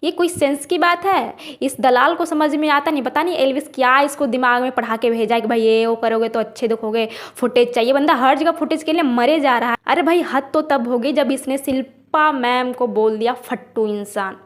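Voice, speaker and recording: Female show reviewer, high voice, indignant ranting delivery. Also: normal speed, few pauses. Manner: indignant, ranting, mixes English words. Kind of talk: casual video commentary.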